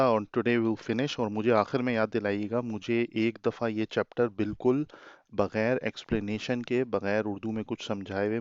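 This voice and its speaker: Low-voiced male teacher explaining text. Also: dry recording, dull audio. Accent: Pakistani. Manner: explains word by word, mixing English into Urdu; slows down and stresses words when reading English lines. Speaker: English teacher. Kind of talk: classroom lesson explaining a text.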